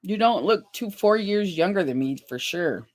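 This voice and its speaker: A woman's voice: on the low side, animated, moderate pace. A woman in her fifties hosting a casual livestream chat, reading viewers' comments aloud. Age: 50s. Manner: chatty, reads viewer comments aloud with laughs. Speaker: livestream host.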